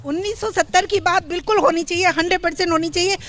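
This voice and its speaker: A woman's voice: very high voice, fairly even intonation, quick pace, a bit bright. A woman from the crowd speaking eagerly in support of her party. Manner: enthusiastic, cheering for her party.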